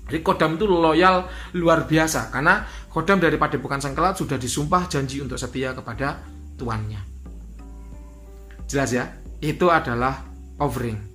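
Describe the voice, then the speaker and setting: Earnest bright-voiced male spiritual teacher. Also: on the high side, normal speed, long pauses, faint music behind. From Indonesia. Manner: earnest, repetitive, emphatic. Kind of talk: instructional talk.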